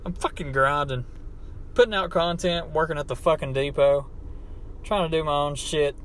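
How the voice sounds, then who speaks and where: Here the male podcast host, recording in his car on an amateur setup with car noise in the background, talks at a fairly high pitch and a moderate pace, his voice a bit bright. His Appalachian hillbilly American accent carries a casual, unscripted monologue that is profane and self-deprecating.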